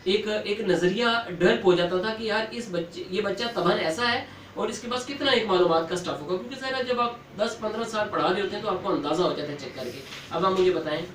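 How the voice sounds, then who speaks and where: A man with a high voice, a teacher advising students on exam technique in an earnest, fatherly way. He sounds set back from the mic in an echoey room, with faint room ambience behind him. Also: distant mic, slight background noise. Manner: earnest, fatherly, ends with blessings. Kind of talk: exam advice talk to students.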